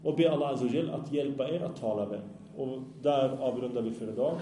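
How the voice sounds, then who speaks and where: A man's voice: medium pitch, reverberant, background noise. A man preaching an Islamic sermon to young people, earnest and often asking the audience questions.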